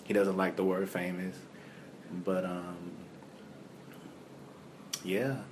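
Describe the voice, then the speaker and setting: A man chatting casually about music, relaxed and rambling, often breaking into laughter. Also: slow. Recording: low rumble and faint noise.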